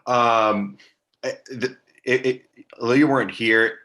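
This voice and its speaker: A man giving a hesitant, monotone staff briefing at a public meeting over a video call, filling pauses with um. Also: mid-range voice. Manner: monotone, hesitant with many ums. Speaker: staff attorney at a commission meeting.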